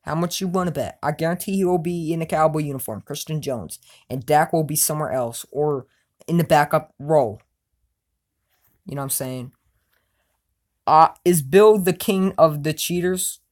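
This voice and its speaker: A woman giving an opinionated sports fan rant in a casual vlog, answering viewer questions. She talks emphatically, often asks "you know what I'm saying", and swings between loud outbursts and low mutters. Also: normal speed.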